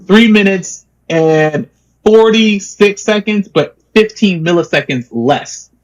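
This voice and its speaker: A man co-hosts a casual podcast, running through the news with plenty of jokes and laughter. His voice sits a little high. He talks in a relaxed, chatty way. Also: slow, lo-fi sound. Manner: laughing, explains news in a joking way. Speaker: podcast co-host. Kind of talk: casual chat.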